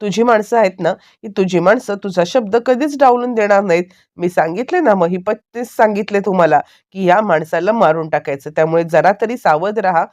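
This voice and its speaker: A woman's voice: mid-range voice, brisk, darkish tone, no room sound, studio quality, lightly acted. A woman voicing a scheming man who taunts a helpless captive. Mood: taunting.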